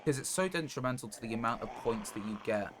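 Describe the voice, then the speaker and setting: A man gives casual live commentary while playing a survival game, thinking aloud in short fragments. His mid-range voice is expressive, fast and fairly bright. The recording is clear, with background noise and clicking.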